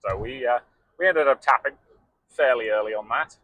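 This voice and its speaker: A man co-hosting a podcast, relaxed and rambling in casual chat. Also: medium pitch, moderate pace, no room sound, narrow, tinny audio. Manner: relaxed, rambling with fillers like "um" and "you know". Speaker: podcast co-host.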